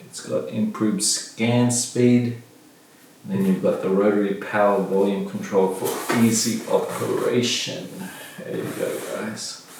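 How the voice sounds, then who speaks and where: Sitting at a table in a bare-walled room, a middle-aged gear vlogger narrates an unboxing casually in a lowish, darkish voice with a steady tone, speaking a little slowly. A distant microphone captures heavy echo and some faint noise.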